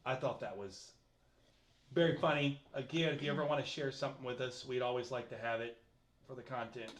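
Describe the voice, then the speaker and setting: A middle-aged man hosting a casual livestream chat, animated and reading viewer comments aloud. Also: medium pitch, a little fast. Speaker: host.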